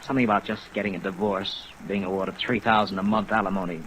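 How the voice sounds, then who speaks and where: A man acts as a veteran hotel operator, middle-aged and chagrined, in a 1950s radio drama, sheepishly recounting events with hesitant self-mockery. He speaks low and quick with a steady, fairly bright tone. The audio is poor, a vintage radio recording under rain noise.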